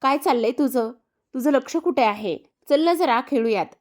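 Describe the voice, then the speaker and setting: A spirited young girl coaxes and teases in an insistent, playful way, as a woman voices her. Her voice sits fairly high. It comes across as a lively storybook retelling. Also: moderate pace. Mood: coaxing. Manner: coaxing, teasing insistence.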